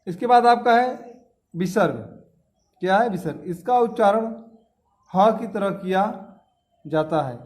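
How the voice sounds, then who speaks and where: Male schoolteacher, high voice, drills terms, asks the class questions. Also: measured pace, long pauses, a little mellow. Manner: repeats key terms, quizzes students with questions. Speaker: teacher. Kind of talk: classroom grammar lesson.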